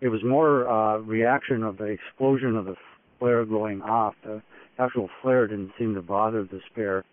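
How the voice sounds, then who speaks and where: A man giving an unscripted first-person expedition report, telling it in a halting, matter-of-fact way in short phrases. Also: lowish voice, fairly even intonation, no room sound. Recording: dull radio-like phone link, dry.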